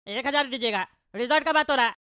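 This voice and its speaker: A woman's voice: high-pitched, quick pace, pushed and bright, clean tone, no echo, clean studio sound. A woman voicing a bald, short-tempered male politician in a cartoon, always scolding. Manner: scolding, indignant. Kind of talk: cartoon voice acting.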